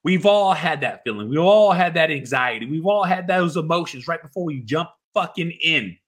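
A man giving an emphatic motivational speech, exhorting forcefully with heavy swearing and repeated phrases. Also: high-pitched, breathy edge. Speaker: motivational speaker.

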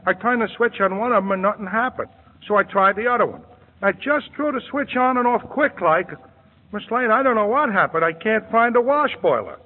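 A man's voice: sits high, lively intonation, brisk, husky. An American man playing a scared, dim comic sidekick in an old radio drama, folksy, earnest and ungrammatical. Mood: sheepish, anxious. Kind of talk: old-time radio comedy acting. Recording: echoing narrow old radio recording.

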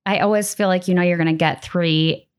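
A woman's voice: fairly low pitch, steady tone, fairly quick, clean tone. A woman speaker and guest in a casual chat, frank and loose, with salty asides.

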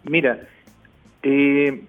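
A man's voice: medium pitch, level tone, extremely slow, faint music behind. A man, a technology executive explaining things as a radio interview guest. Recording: tinny phone line.

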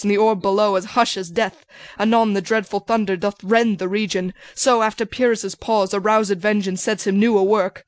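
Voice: mid-range voice, no echo, close to an everyday voice. Someone playing a declaiming traveling actor. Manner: declamatory verse delivery. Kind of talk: reading a stage play.

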